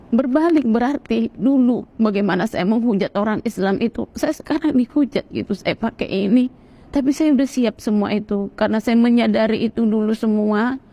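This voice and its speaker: Earnest, fairly high-voiced woman from Sumatra. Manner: earnest, animated, acts out other people's voices in quotes. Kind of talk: personal testimony, storytelling.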